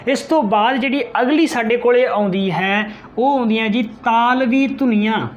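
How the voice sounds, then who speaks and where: A male teacher giving an exam-prep grammar lesson, repeating key terms, slowly sounding out example letters and answering his own questions. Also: very high voice, muffled recording.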